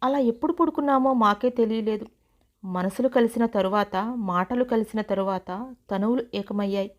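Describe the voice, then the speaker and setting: A woman telling a family story in the first person, with a gentle and expressive manner. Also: fairly high pitch, moderate pace, highs cut off. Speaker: storyteller and channel host.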